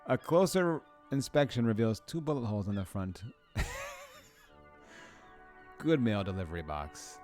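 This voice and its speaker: A man's voice: on the low side, animated, measured pace, pauses often, darkish tone, soft background music. A man streaming a video game, reading the game text aloud and making casual, playful comments to his chat, with frequent swearing and laughing.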